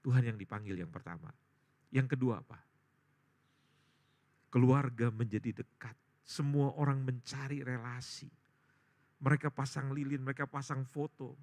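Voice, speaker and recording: A male pastor preaching a sermon, swinging between loud emphatic peaks and quiet storytelling. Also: medium pitch, fairly even intonation, normal speed, pauses often. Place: church service.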